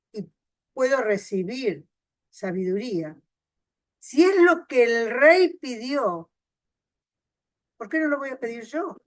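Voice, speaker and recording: A woman pastor, preaching a sermon and swinging from loud emphasis to soft asides. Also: fairly high pitch, no echo.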